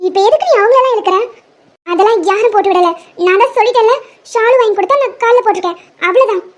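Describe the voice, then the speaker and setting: In a cartoon drama, a woman plays a headstrong young daughter who argues back in a very high, girlish voice. She talks quickly and turns pleading and insistent. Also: lo-fi sound. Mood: defiant. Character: young college daughter, stubborn and defiant. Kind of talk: Tamil cartoon dub.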